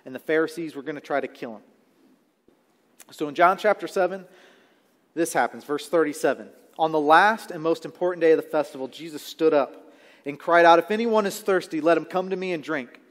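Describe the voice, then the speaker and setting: Male preacher, slightly high voice, casual sermon delivery, live church hall echo. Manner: conversational, checks in with the congregation. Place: church sanctuary.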